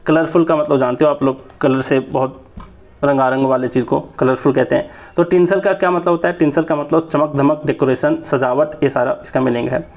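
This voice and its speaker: A man's voice: on the high side, fairly even intonation, brisk. A man in his thirties with a Jharkhand accent, teaching exam vocabulary in a chatty way and often checking that his listeners follow. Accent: Jharkhand Hindi. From Jharkhand, India. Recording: slightly dull lo-fi recording.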